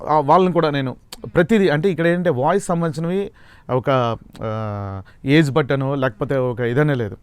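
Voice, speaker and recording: A man as a mimicry artist guest, soft-spoken and hesitant, chatting casually in an interview. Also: a little high, moderate pace, smooth, dry recording.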